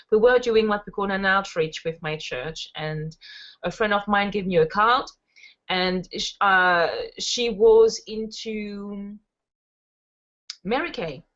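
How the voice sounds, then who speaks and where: In a casual interview recorded with dull lo-fi sound, a network marketer in her thirties from France tells stories with plenty of fillers. Her voice is medium in pitch with a fairly bright tone.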